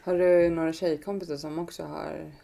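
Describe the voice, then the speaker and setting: A woman hosting a podcast, talking in a relaxed, thoughtful way and speaking openly about her own struggles. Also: low voice, gravelly. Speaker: podcast host. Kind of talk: casual podcast conversation.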